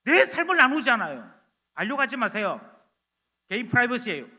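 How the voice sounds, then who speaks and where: A man preaching a sermon loudly and energetically, acting out little scenes of dialogue. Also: extremely high pitch, a little fast. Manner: animated, loud, acting out dialogue. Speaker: pastor. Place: church sanctuary. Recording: long church hall reverb.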